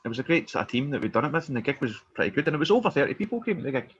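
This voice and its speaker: A man's voice: medium pitch, big pitch swings, racing, highs cut off, a little hiss or hum. A male stand-up comedian chatting casually in a hesitant, rambling, self-deprecating way. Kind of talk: casual chat.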